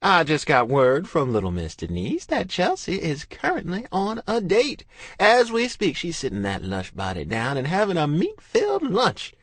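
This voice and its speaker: A man's voice: a little high, huge pitch swings, normal speed, no echo, pitched above the performer's own voice. A man voicing a flamboyant, theatrical male hairdresser who teases and dramatizes every line, in an audiobook. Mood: teasing flamboyant. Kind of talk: audiobook character voice.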